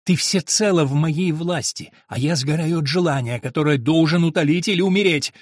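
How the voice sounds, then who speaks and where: A man reading a novel aloud, voicing a domineering, lustful monk who speaks slowly and coaxingly. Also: dry recording, clean studio sound, lightly acted. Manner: low, slow and coaxing.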